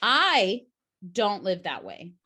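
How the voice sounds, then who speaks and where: A woman co-hosting a casual podcast chat, telling playful stories with dry humor and sinking quieter when musing. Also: medium pitch, huge pitch swings, slow pace. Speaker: co-host.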